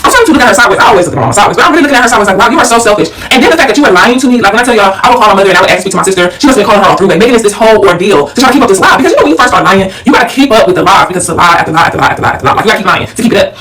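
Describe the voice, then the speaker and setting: A woman's voice: medium pitch, expressive, very fast, few pauses, a bit bright, slight background noise. A young woman telling a family story in a chatty storytime monologue, with a slight lisp from her retainer. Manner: chatty, addresses listeners as y'all and girl. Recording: voice a bit far from the mic.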